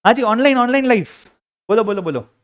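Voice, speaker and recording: A man's voice: very high-pitched, animated, brisk. A young Indian man teaching a live class, mixing English into his talk and playfully coaxing students to call out answers. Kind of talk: interactive classroom lecture.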